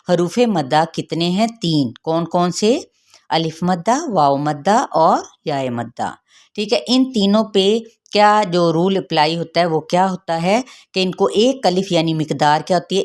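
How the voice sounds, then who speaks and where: A woman with a fairly low voice leads a recitation class. She chants verses in slow, drawn-out phrases, then breaks them down sound by sound, posing questions and answering them in a patient teaching manner. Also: a little mellow. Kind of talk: tajweed lesson with recitation.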